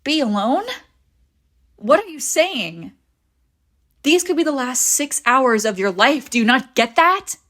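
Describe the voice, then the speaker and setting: A woman with a high voice and wide pitch swings speaks a little slowly, leaving long pauses, fully in character. She plays a clingy, devoted young friend in a zombie apocalypse audio roleplay, pleading desperately and emotionally, veering between insistent and hushed. It's scripted roleplay acting, intimate and conversational in tone.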